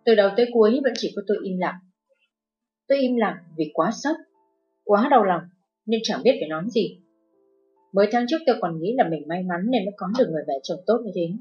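A woman narrating a dramatic first-person story in a steady, emotive storytelling voice. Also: medium pitch, a little fast, pauses often, husky. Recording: dull lo-fi with faint music.

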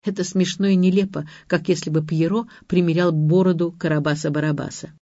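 Low-voiced woman narrating an audiobook. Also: steady tone, fairly quick, mellow, no room sound, dull audio. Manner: emotional, confessional reading. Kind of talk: first-person audiobook narration.

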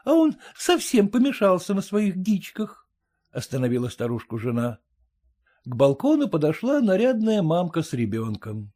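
A man narrating a classic prose story in a measured storytelling manner. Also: high voice, wildly swooping pitch, warm tone. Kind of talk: audiobook reading of classic prose.

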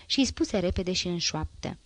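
A woman narrating a novel as an audiobook, reading in a steady, even way. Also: lowish voice, no room sound.

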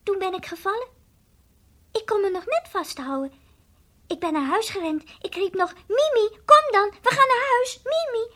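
Lady doing a little toy dog in an old radio play, super high kid voice, bouncy, confiding and earnest. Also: expressive, normal speed, long pauses. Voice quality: high childlike voice, drops to whispers. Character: small timid toy dog, childlike. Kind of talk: 1960s radio drama acting.

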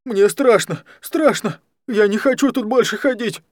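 Storybook figure: a simple, trusting young man, read by a male narrator, high and strained. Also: animated, brisk, no echo, clean studio sound, close to an everyday voice. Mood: panicked. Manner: naive, blurting, high and strained when scared.

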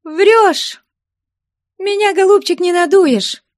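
A woman's voice: very high voice, slow pace, no room sound, studio quality, pitched above the performer's own voice. A woman voicing a jealous, hysterical young peasant woman who shrieks, sobs and accuses. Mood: suspicious.

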